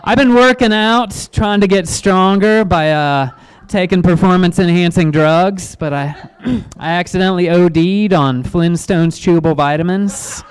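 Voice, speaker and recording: Smooth high-voiced self-deprecating comic. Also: male voice, a little slow, few pauses. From Illinois. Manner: self-deprecating deadpan jokes. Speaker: guest comedian. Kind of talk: stand-up comedy. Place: comedy club stage.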